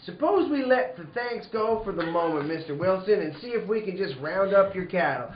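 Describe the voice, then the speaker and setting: A man acts out a good-humoured cowboy leader from an old radio western. The voice sits high for a man and talks with folksy, hearty authority. The sound is dull and echoes off the room. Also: animated, moderate pace, slight background noise. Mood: friendly, brisk.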